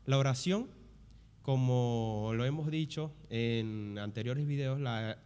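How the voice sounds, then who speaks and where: A youth pastor co-hosting a Bible podcast, reading verses aloud and then breaking them down in a teaching way. His voice is smooth and resonant. It carries a long reverb, as if recorded in a large room. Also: mid-range voice, takes it slowly, darkish tone. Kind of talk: Bible study podcast talk.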